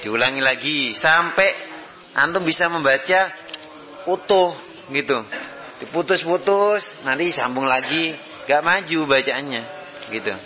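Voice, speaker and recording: A man's voice: fairly high pitch, expressive, unhurried, long pauses. A man teaching Quran recitation, giving short repeated corrections and modeling sounds for students. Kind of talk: correcting students' pronunciation in class. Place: classroom with students. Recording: muffled classroom recording, group audible.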